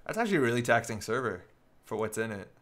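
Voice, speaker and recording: A man commentating a card game live, talking it through as he goes. His voice sits at an everyday middle pitch, and he reasons out each move in a loose, conversational way. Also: sing-song, fast talker, a bit bright. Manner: thinks aloud, working through plays step by step.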